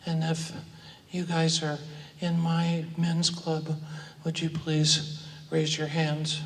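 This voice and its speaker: A man from Oakland speaking informally to a gathered audience, thanking guests, with many pauses and fillers. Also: a little high, completely flat delivery. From Oakland, California. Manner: halting, frequent pauses and fillers. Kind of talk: informal public address to an audience. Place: large hall with an audience. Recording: echoey hall, distant voice, clear room noise.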